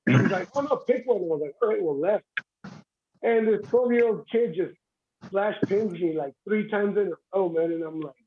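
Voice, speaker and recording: A man's voice: sits high, moderate pace, a little hiss or hum. A man on a livestream telling a story about how he started armwrestling, with lots of restarts and fillers. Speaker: armwrestling competitor guest. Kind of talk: casual livestream chat. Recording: dull lo-fi stream audio.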